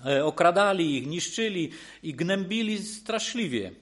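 A man's voice: high-pitched, lively intonation, unhurried, fairly bright tone. A man preaching a sermon in an earnest, reassuring way, with frequent restarts and repeated phrases.

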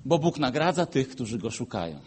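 A pastor preaching a sermon and telling a personal story. He swings between loud, emphatic peaks and quiet, low asides. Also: sing-song, brisk, husky.

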